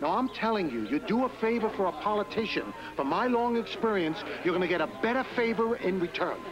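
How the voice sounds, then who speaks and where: A calm, shrewd middle-aged businessman who talks with the ease of long experience, his voice a bit high for a man. The sound is dull and lo-fi, with music playing behind him. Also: fairly quick. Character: shrewd seasoned male businessman. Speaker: businessman in a soap opera. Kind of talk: 1980s daytime soap acting.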